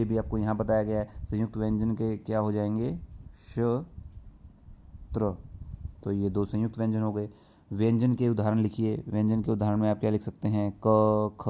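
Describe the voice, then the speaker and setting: A male teacher talks through a grammar lesson, posing a question and then answering it himself. His voice sits low and mellow. The recording sounds dull and lo-fi. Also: completely flat delivery. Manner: slow and explanatory, asks questions and answers them himself. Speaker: school teacher. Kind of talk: classroom lesson.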